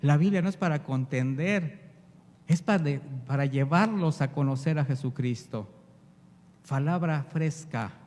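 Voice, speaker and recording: Male preacher, impassioned, rises to loud exhortation and drops to hushed appeals, mellow tone, long church-hall reverb. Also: mid-range voice. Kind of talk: sermon.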